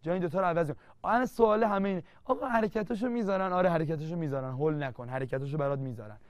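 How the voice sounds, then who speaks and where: Speaking a little high with no room sound, a man runs an exam-focused literature class in a playful, teasing way, returning to the key terms again and again. It's a dull, dry lo-fi recording.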